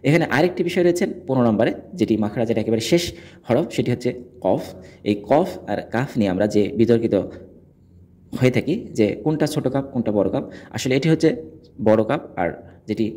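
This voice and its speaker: Male teacher, mellow tone, patient and instructive, sounds out letters to demonstrate. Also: mid-range voice, expressive, quick pace. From Bangladesh. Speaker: Quran recitation teacher. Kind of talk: explaining letter pronunciation.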